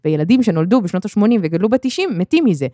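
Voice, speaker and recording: Brief: lively podcast co-host woman, dry close-mic sound. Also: mid-range voice, no echo. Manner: lively, animated storyteller. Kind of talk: casual chat.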